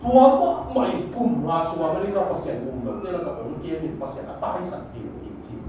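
A man's voice: fairly high pitch, very animated, quick pace, dark tone, slight background noise. A man preaching a sermon in a church hall, drawing responses from the congregation. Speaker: pastor. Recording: echoey hall, distant mic, dull sound.

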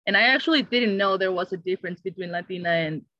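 A young woman from Mexico, a student athlete, speaking hesitantly with many pauses. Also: mid-range voice, pushed and bright, dry recording. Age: young adult. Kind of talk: casual discussion. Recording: dull lo-fi dry sound.

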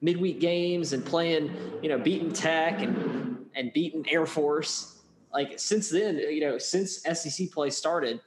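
A man's voice: fairly high pitch, slow pace, a little hiss or hum. A man co-hosting a casual sports chat, rambling with many restarts and plenty of fan enthusiasm. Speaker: podcast co-host.

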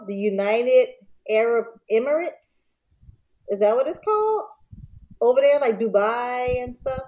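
A woman casually retelling a scam story on a podcast, slangy and digressive, pausing to laugh. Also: medium pitch, dark tone, rough recording. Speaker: podcast host.

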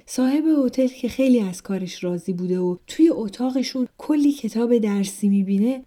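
A woman from Iran, calmly narrating her own memoir in the first person. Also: a little high.

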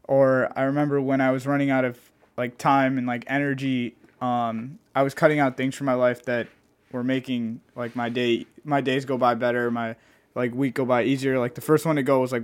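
A man's voice: medium pitch, smooth. A young adult man co-hosting a casual podcast, chatting in a garage. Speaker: podcast co-host.

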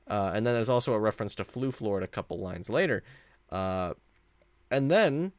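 In a dry recording, a man with a deep voice runs his own casual podcast. He talks at normal speed, animated, rambling and poking fun at himself.

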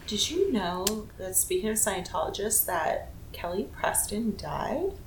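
A woman co-hosting a podcast, a teacher chatting in a relaxed way and reacting with laughs and gasps. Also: mid-range voice, a little slow, slight background noise, rough recording. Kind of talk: casual chat.

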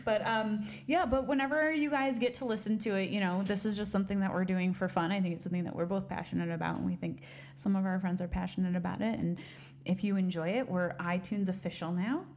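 Speaking at a quick pace in a medium-pitched, darkish voice with a steady tone, a woman co-hosts a casual chat podcast. Wearing headphones at a studio mic, she's giggly and self-deprecating, rambling and laughing often.

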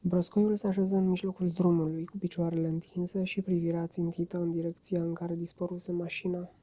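A woman narrating a children's classic in an expressive storytelling manner. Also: fairly low pitch. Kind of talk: audiobook narration.

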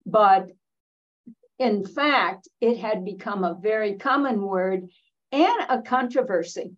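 An elderly American woman, seventies or older, speaking as an interview guest in a reflective, emphatic, deliberate way with pauses mid-sentence, on a slightly dull recording. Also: mid-range voice. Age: 70s or older. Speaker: interview guest, veteran feminist activist.

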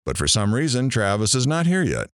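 A man's voice: medium pitch, huge pitch swings, a little fast. A man playing a talk show host, brash and teasing, hamming up each surprise.

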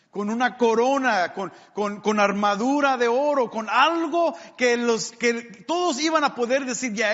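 A man's voice: very high-pitched, fairly bright tone, long reverb tail, highs cut off. A man preaching a sermon, emphatic and drawing out key words.

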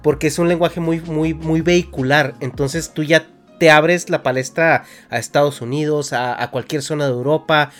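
A man's voice: on the high side, fairly even intonation, normal speed, few pauses, fairly bright tone, faint music behind. A man with a Mexican accent, a podcast co-host who explains his points step by step. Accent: Mexican Spanish. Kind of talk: casual podcast chat.

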